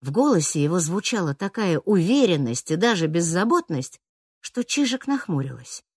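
Woman audiobook narrator, lively pitch, dry close recording. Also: moderate pace, husky, no echo. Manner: expressive, acts out every character. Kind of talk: scripted narration.

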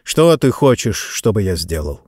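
A man's voice: on the low side, very animated, moderate pace, darkish tone, husky, no echo, clean studio sound. A man voicing a stern, dismissive wealthy father who speaks curtly and gives orders, in an audiobook. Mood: scornful. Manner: curt, scornful, commanding.

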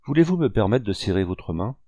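A man's voice: on the low side, very animated, a little fast, mellow, dry recording, studio quality. A man reading a novel aloud and voicing a blunt, good-natured hunter who speaks jovially. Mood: bluff. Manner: bluff, jovial. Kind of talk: audiobook reading.

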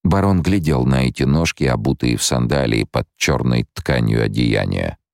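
Deep gravelly guy reading an audiobook, lively delivery, dry close sound. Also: normal speed, dry recording. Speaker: audiobook narrator. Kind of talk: scripted audiobook narration.

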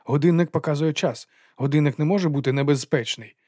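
A man's voice: on the high side, fast talker, dark tone, no echo, studio quality, close to an everyday voice. A man voicing a nervous young clockmaker who talks in an unsure, hesitant way.

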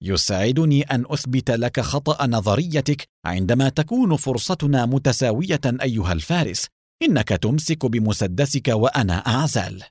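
A defiant young police captain, as a male storyteller puts him on, firing off sharp, challenging questions. The voice swings lively up and down. It sounds dry and close, with no room echo. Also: fairly low pitch, a little fast.

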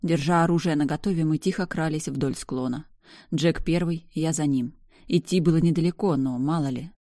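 Female narrator, low dark voice, dry close sound, intense story reading. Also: moderate pace, dry recording. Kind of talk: first-person story reading.

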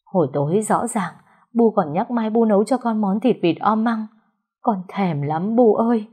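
A woman's voice: mid-range voice, moderate pace, breathy edge, voice pushed up, lightly acted. A woman voicing a grieving young son who wails and then turns harsh and violent in an audio story. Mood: grief-stricken. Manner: wailing, then harsh and shouting.

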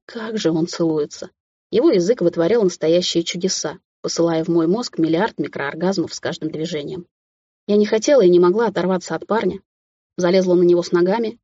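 A woman narrates a first-person romance audiobook in a soft, intimate, unhurried voice. Her tone is low, dark and husky. The recording is dry and slightly dull. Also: no room sound.

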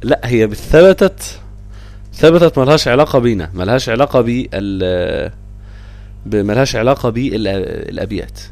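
A man with an Egyptian Arabic accent giving an online Quran recitation lesson, explaining patiently and repeating words slowly for his students. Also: mid-range voice, expressive, gravelly, darkish tone.

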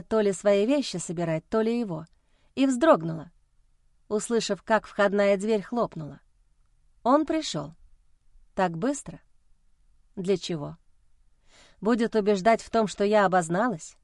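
Woman, expressive first-person audiobook narrator, dramatic delivery, dry close sound. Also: mid-range voice, no echo. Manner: emotional, dramatic, intense.

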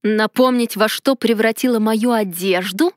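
An irritated male mage with an icy, indignant tone, as a woman reading the story puts him on. The reader hardly lowers her voice for him, so it stays fairly high. The sound is close and dry. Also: a little slow, no room sound, close to an everyday voice.

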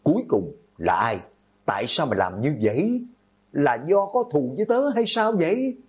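A man voicing a doomed teenage schoolboy who shouts accusations at his classmates, in a horror audiobook. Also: on the low side, wildly swooping pitch, moderate pace, husky, heavily acted. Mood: enraged.

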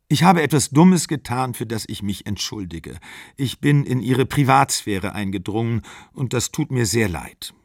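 A man's voice: medium pitch, expressive, moderate pace, vocal fry, dry recording, studio quality. A man reading the lines of a bitter, fragile woman who is a college dean, cold and accusing. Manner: cold, accusing, then breaking down.

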